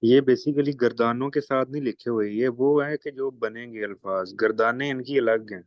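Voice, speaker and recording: A man's voice: mid-range voice, moderate pace, no echo, highs cut off. A man asking questions as a student in an online class, polite and respectful toward his teacher. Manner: polite, addresses the teacher as brother.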